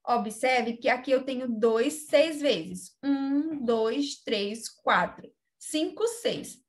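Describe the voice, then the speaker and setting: Brazilian woman, primary teacher; high voice, unhurried, calm step-by-step explaining. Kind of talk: remote lesson for young children.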